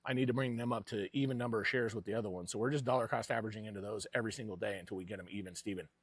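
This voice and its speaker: A man's voice: lowish voice, very fast, husky, no echo. A man hosting a casual investing vlog, talking with a cigar held in his mouth as he narrates his trades. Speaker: host of a personal investing vlog. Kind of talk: casual vlog commentary while placing trades.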